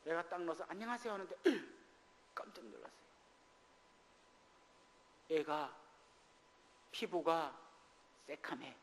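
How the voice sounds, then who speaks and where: High-voiced male pastor in echoing church. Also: takes it slowly, pauses often. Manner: storytelling testimony, acting out quoted dialogue. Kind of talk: sermon. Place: church sanctuary. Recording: long reverb of a church hall.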